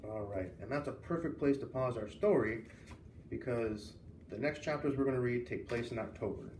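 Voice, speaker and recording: Here the male narrator keeps a moderate pace, his medium-pitched voice carrying a darkish tone as he performs the dialogue of a children's novel with feeling. The mic sits at a distance in a roomy space, picking up slight hiss.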